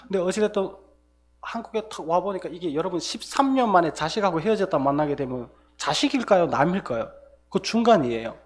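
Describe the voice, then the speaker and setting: A man's voice: high voice, lively intonation, a little fast. A young man with a North Korean Hamgyong accent, telling his personal story as a guest speaker in a church service, earnest and full of fillers and self-corrections.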